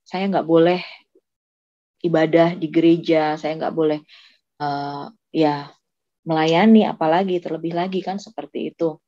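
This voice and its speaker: A woman recounts her personal testimony in an earnest, emotional way. Her voice is dark and mellow. The recording is dry and slightly dull, like lo-fi audio. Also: low voice, steady tone, unhurried, long pauses, no room sound. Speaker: testimony giver.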